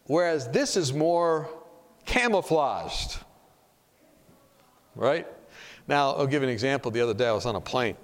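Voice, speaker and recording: Animated storytelling preacher, man. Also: mid-range voice, unhurried, long pauses. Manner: animated, conversational, speaks to the audience directly. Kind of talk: storytelling sermon.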